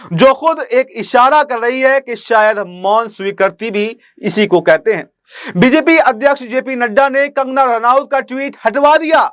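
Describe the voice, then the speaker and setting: A man's voice: extremely high pitch, a bit bright, no echo, clean studio sound. A man reading scripted news commentary, asking a string of indignant rhetorical questions.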